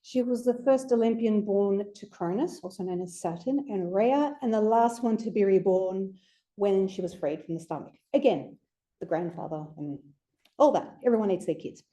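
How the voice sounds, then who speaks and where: Presenting astrology to a group, a woman keeps her informal lecture chatty and conversational, tossing in playful asides. Her medium-pitched voice is mellow and moves at a moderate pace.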